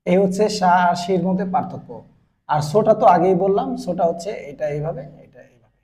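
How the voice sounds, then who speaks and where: A man with a Bangladeshi Bengali accent teaching a Japanese writing lesson, slowly repeating each syllable twice as he explains. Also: high-pitched, warm tone. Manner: slow and repetitive, drilling each syllable twice. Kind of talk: step-by-step classroom explanation.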